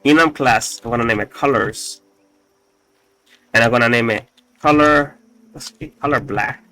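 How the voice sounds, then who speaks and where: With faint music playing behind him, the coding host walks through his screen-recorded code in a mid-range voice that's bright, forceful and a little raspy. He keeps halting, restarting and filling gaps, throwing in the odd curse word.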